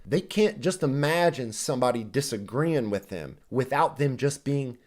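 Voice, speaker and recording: A man's voice: mid-range voice, lively intonation, moderate pace, darkish tone. Guy ranting mad on his reaction vid, cussing a lot, voice jumping up and down all over. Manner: heated, profane, ranting. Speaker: reaction video host. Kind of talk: angry reaction commentary.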